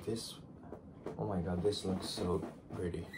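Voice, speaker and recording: In a low, steady voice at a measured pace, a Japanese man in his twenties talks casually to the desk camera in his small bedroom, his Japanese accent clear. He's just woken up and sounds groggy. He's chatty and self-deprecating and restarts phrases, with background noise present.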